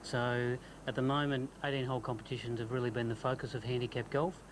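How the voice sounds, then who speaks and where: Man, quick pace, executive interviewee, informal broadcast, clear background ambience. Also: mid-range voice, level tone, noisy background. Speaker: sports executive being interviewed.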